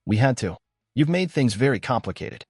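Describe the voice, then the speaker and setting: A man's voice: mid-range voice, sing-song, moderate pace, darkish tone, husky, dry recording, studio quality. A man voicing a middle-aged foster father who talks in curt, self-justifying lines, in a storybook reading. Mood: pressing.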